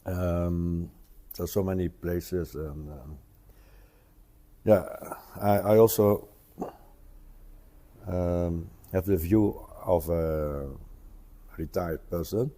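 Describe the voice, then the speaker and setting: A man in his seventies, an interview guest, speaking hesitantly with many pauses and tag questions. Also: low-pitched, dark tone. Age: 70s. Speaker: interview guest, retired traveler. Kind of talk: casual conversational interview.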